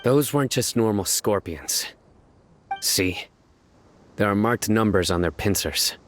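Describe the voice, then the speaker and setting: An actor playing a stern young male desert guardian in a video game, speaking in a calm, serious, clipped way. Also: on the low side, measured pace, slight background noise. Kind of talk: game cutscene dialogue.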